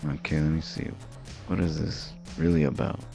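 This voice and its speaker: A man's voice: extremely low pitch, little pitch movement, normal speed, gravelly, over music. A man streamer chatting casually and rambling while he draws and plays games, chuckling often. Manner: rambling and easygoing, with frequent chuckles.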